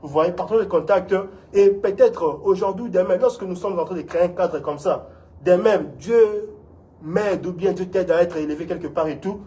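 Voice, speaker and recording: In a high-sitting, dark-toned voice at a moderate pace, a man from Congo speaks as an instructor in an interview. His community talk is earnest and encouraging, punctuated by frequent "vous voyez?".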